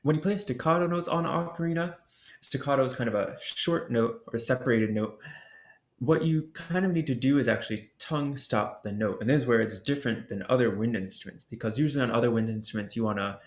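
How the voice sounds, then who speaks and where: A man's voice: mid-range voice, fast. Guy walking thru ocarina technique, laid back, says "like" a lot, echoey room sound. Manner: casual, explains with demonstration syllables and fillers. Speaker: ocarina workshop presenter. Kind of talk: instructional explanation. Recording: roomy echo.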